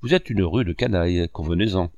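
A man's voice: sits low, fairly quick, a little mellow, no echo, clean studio sound. A man voicing a blustering, cursing wine salesman. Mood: angry. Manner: blustering, swearing outbursts. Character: furious middle-aged male wine salesman.

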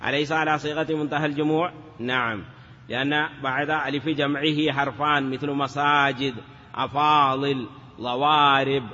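A man's voice: mid-range voice, little pitch movement, normal speed, sharp tone. A man teaching Arabic morphology in a lesson, chanting word forms and asking rhetorical questions. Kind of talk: classroom lesson. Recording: dull lo-fi sound with long reverb.

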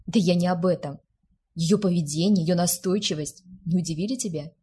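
A woman with a very breathy voice reading the part of a sharp young man who teases and scolds his friend. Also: fairly low pitch, a little fast. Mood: exasperated. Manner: teasing, exasperated.

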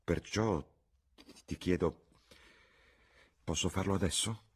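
A man voicing a fussy, reproachful young English gentleman in an audiobook, with a stiff, mannered delivery. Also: sits low, slow pace, breathy edge, voice pushed up, full character voice. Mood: earnest.

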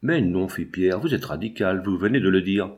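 A man voicing a sharp young man who questions people in an ironic, probing way. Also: low-pitched, moderate pace, pitched below the performer's own voice.

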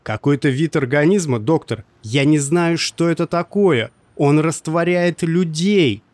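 A man's voice: fairly high pitch, unhurried, a little mellow, no room sound, voice pushed up, close to an everyday voice. A man voicing a tense, determined male doctor speaking in urgent, clipped lines.

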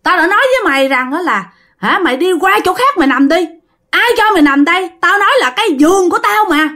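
A woman puts on a snarling young male ghost, pitched far above her own voice and pushed louder, with a fast, lively delivery full of threats. He sounds menacing and territorial, a spirit from a spoken ghost story. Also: close to an everyday voice. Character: angry young male ghost with bleached hair.

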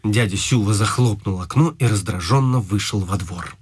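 A man narrating a children's story in an even, storytelling manner. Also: on the low side, moderate pace, slightly rough, dry recording. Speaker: audiobook narrator. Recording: guitar music behind.

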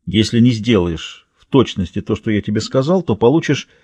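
A man's voice: lowish voice, animated, brisk, a little mellow, husky, no room sound. A man voicing a hulking male prison guard in an audiobook thriller, speaking in curt, threatening orders. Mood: low menace.

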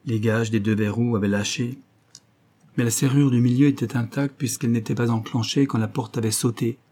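A man narrating an audiobook in a sober, measured, grave manner. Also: mid-range voice, steady tone, dark tone.

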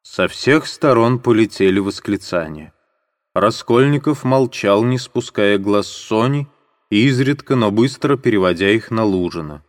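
A man narrating a literary audiobook in a measured, dramatic storytelling manner. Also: lowish voice, animated, big-room sound.

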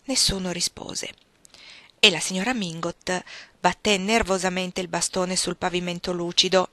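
A woman reading a novel aloud as audiobook narration, measured and expressive. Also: fairly low pitch, dry recording. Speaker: reader.

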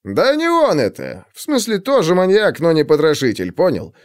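A man's voice: on the high side, huge pitch swings, moderate pace, voice pushed up. A man voicing a chatty, blunt militia instructor who talks in a colloquial, teasing way. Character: gruff, chatty male militia instructor, joking.

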